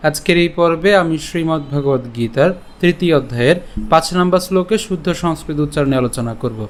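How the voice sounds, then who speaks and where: A man from Bengal teaching Sanskrit verse pronunciation, breaking words into syllables and checking in with the listener. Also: fairly high pitch. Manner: slow syllable-by-syllable chanting of verses; patient, often asks "ঠিক আছে?". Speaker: Gita recitation teacher.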